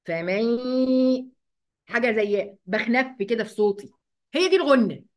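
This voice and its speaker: Woman, Egyptian accent, tajweed teacher, slightly high voice, quizzes the class, slow drawn-out recitation. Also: animated. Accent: Egyptian Arabic. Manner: explains step by step, asks the class questions; draws out the recited words slowly. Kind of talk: online tajweed lesson. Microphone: computer mic, writing with a mouse.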